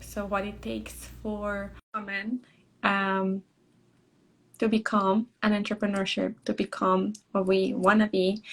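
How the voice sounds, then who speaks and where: A woman's voice: mid-range voice, gravelly, rough recording. A woman hosting a live-stream interview over a video call, upbeat and drawing out her phrases. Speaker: host.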